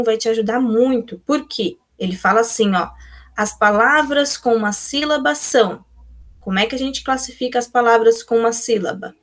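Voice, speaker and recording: Brazilian woman teacher, young adult, patient and methodical, voice a bit high. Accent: Brazilian Portuguese. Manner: patient, explains step by step, answers pupils' imagined questions. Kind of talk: remote class walkthrough of textbook exercises.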